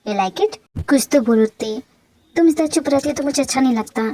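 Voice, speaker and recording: A woman voicing a gentle young husband who comforts his wife in soft, soothing tones in a fan-dubbed romantic audio drama. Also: sits high, a little fast, slight background noise, voice pushed down, lightly acted. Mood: coaxing.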